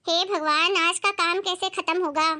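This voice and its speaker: A woman's voice: very high-pitched, steady tone, moderate pace, bright, forceful tone, a little hiss or hum. A woman playing a short-tempered, bossy daughter-in-law in a comedy family skit, scolding sharply and sarcastically.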